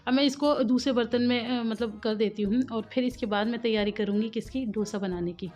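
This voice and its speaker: Chatty woman with a sore throat, slightly high. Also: fairly quick, darkish tone, soft background music. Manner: rambling, laughs often, drifts into stories. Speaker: home cooking vlogger. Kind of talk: chatty voice-over for a cooking vlog. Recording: dull lo-fi voice-over.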